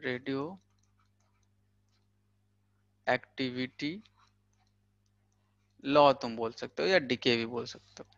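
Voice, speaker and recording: A young man lectures on physics in a loose, chatty way, tossing in fillers and homely money examples. His voice is bright and forceful, a little high. The recording is dry and slightly dull. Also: creaky, no echo. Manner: chatty, peppers talk with "thik hai" and "bhai"; explains with everyday money examples. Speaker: physics teacher. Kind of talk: casual Hindi lecture for exam prep.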